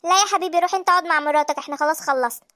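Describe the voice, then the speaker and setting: A woman's voice: very high voice, very fast, fairly bright tone. A woman voicing a firm Egyptian mother-in-law. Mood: warm. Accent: Egyptian Arabic. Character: older mother-in-law, caring but firm. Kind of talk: animated story voice acting.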